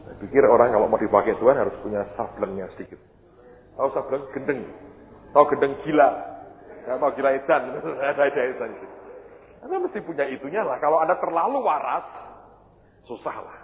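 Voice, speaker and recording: A man's voice: medium pitch, a little fast. A man preaching a sermon as pastor, telling a story with acted-out dialogue and joking asides. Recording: echoey hall, muffled phone-like sound, faint noise.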